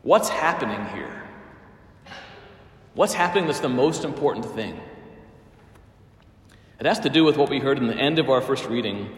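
A man's voice: mid-range voice, expressive, normal speed, pauses often. A man preaching a sermon as a priest, telling a story with emphatic phrasing in a church. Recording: echoey church with long reverb.

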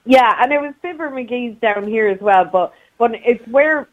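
A woman's voice: a little high, lively intonation, normal speed. A middle-aged woman with a west of Ireland accent, chatting casually and colloquially as she reminisces on a radio call-in. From County Clare, west of Ireland. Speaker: radio show caller. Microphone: phone call to a radio show. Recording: dull, muffled call-in line.

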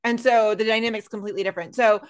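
Female podcast co-host, casual recap chat, animated retelling. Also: a little high, racing, clean tone. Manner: chatty, acts out characters' lines while recapping.

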